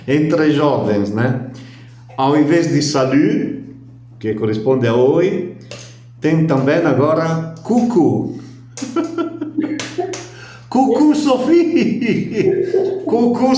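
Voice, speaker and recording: Older guy, unhurried teacher who keeps explaining, very echoey recording. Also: medium pitch, darkish tone, a little hiss or hum. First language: Italian. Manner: chatty, explains at length, ends points with a questioning tag. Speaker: language teacher. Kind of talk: relaxed spoken lesson. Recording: very echoey room.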